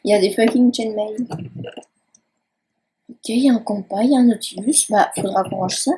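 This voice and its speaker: A woman's voice: medium pitch, normal speed, warm tone, slightly rough, rough recording. A young woman casually touring her game world, rambling and hesitant with many fillers. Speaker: gaming channel host. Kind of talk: casual game-tour commentary. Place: at home by a laptop.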